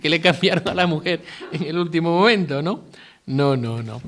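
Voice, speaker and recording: A priest. His voice sits a little higher than most men's. He keeps it conversational, putting questions to his listeners and dropping in jokes along the way. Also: lively intonation, normal speed, fairly bright tone, a little hiss or hum. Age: 50s. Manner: conversational, asks listeners rhetorical questions, adds asides and jokes. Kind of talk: retreat talk.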